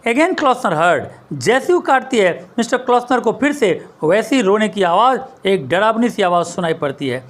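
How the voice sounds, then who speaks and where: A man teaching a lesson, reading English lines of a story slowly and then explaining them in Hindi. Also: high-pitched. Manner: lively, expressive storytelling.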